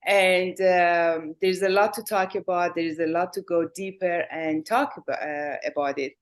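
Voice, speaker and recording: This is a woman with a Persian accent hosting a conversation. Her voice sits a touch low, and she speaks warmly. She often pauses on fillers and restarts her sentences. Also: fairly even intonation. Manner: warm, hesitant with many fillers and restarts. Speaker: host. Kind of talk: interview conversation.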